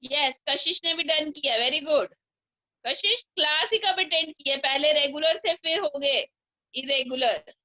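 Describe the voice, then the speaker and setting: A woman teaching an online English class to young children, with an Indian accent, slowly breaking words into their syllables. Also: high-pitched, pushed and bright. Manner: slow, breaks words into sounds. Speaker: primary school English teacher. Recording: dull lo-fi online class audio.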